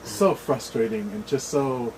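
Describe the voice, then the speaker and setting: A man's voice: medium pitch, measured pace, poor audio. A middle-aged man bantering casually as a show host, blunt, opinionated and freely swearing. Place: shed. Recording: clear steady air-conditioner noise.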